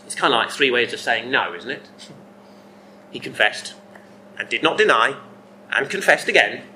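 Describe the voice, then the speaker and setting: A man's voice: mid-range voice, expressive, normal speed, bright, forceful tone, slight background noise, poor audio. A man preaching a sermon, earnest and emphatic, often asking rhetorical questions.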